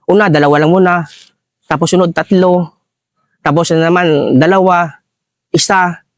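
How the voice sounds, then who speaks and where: A man telling a war story in an interview, deferential, adding sir to almost every phrase, halting with fillers. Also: high voice, fairly even intonation, no room sound, clean studio sound. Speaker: retired soldier interviewee.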